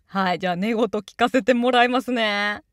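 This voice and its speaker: A woman's voice: a little high, normal speed, dry recording, studio quality. A woman doing casual let's-play commentary and reading along with the game. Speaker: game streamer.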